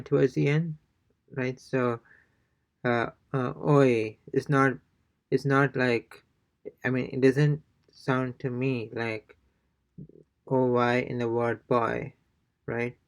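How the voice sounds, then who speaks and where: A man's voice: mid-range voice, flat delivery, slow pace, pauses often. A man teaching a casual language lesson, hesitant, with many fillers and restarts. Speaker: Spanish teacher.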